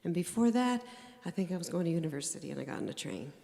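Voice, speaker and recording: A woman's voice: lowish voice, animated, fast, vocal fry, dark tone. A middle-aged woman from Cape Breton, a folk musician chatting between tunes in a homey, storytelling way with many fillers. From Cape Breton, Nova Scotia, Canada. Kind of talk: stage banter between tunes. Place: museum hall, live concert. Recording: long reverb with faint music.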